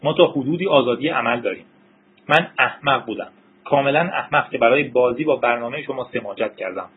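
A man's voice: medium pitch, husky, natural voice. A man voicing a desperate young male hacker who pleads and raises his voice, on a tinny narrow-band recording. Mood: pleading. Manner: urgent, rising to shouts.

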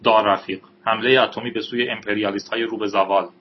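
A man's voice: on the low side, dull audio, a little hiss or hum, natural voice. Eager young woman, joking and thrilled, read by a male narrator in a storybook. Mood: excited. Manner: excited, joking.

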